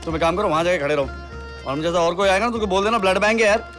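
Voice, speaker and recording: A man's voice: high voice, fast, a bit bright. An actor playing a scheming male con man who bosses and scolds his partner, mixing in English phrases, in a film comedy scene. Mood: placating. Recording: film soundtrack with music behind.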